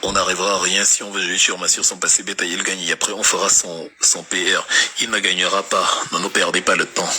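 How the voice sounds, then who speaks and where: A man's voice: low-pitched, flat delivery, a little fast, sharp tone, a little hiss or hum. A man with a light Cameroonian French accent, giving an impassioned political monologue on a livestream, repeating himself with stammering restarts. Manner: emphatic, repetitive, stammering restarts. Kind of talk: impassioned political monologue reacting to viewer comments.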